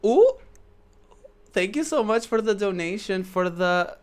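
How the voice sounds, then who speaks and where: A man's voice: high-pitched, expressive, measured pace, clear, resonant tone. A man streaming a game through a voice changer, chatting casually and campily with his viewers. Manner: chatty, campy, playful. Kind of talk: casual live-stream commentary.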